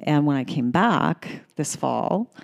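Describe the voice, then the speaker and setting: A woman's voice: low voice, animated, slow pace, gravelly. A woman who is a gym member, chatting casually with hesitant restarts and easy laughter. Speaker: gym member being interviewed. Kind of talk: casual chat.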